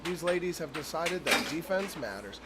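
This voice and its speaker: A man's voice: a little high, expressive, moderate pace, a crowd in the background. A man giving casual, joking live sports commentary with tongue-in-cheek banter. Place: indoor venue during a live match. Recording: noisy room, clicks and door sounds.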